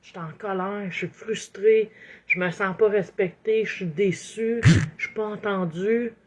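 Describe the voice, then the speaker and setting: A woman with a Québécois French accent speaking casually as an inspirational speaker, expressive and acting out her inner thoughts, with many asides like "hein". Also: mid-range voice, unhurried, slight background noise. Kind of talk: casual motivational monologue.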